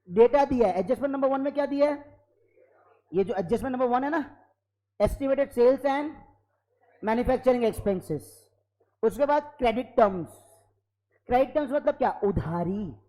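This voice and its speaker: A man teaching an accounting class live in a classroom, lively and constantly prompting students for yes or no. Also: extremely high pitch, rough recording. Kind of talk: classroom lecture.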